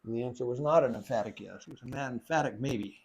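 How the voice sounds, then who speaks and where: A man taking a billiards lesson, making quiet remarks that question himself. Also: mid-range voice, fast talker, low-quality recording. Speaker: billiards student. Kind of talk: casual talk during a lesson.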